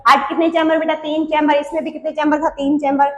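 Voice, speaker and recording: A woman biology teacher with a Hindi accent, quizzing students with quick questions she answers herself and teaching with playful memory tricks. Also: high-pitched, flat delivery, fairly bright tone, echoey room, a little hiss or hum. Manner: uses playful memory tricks and little stories. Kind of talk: exam-prep biology lesson.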